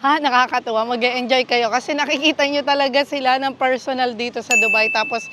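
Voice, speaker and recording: A woman narrating a casual travel vlog while walking through an indoor theme park, exclaiming excitedly to her viewers as she films on a handheld phone. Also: sits high, a little fast, a little hiss or hum. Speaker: vlogger.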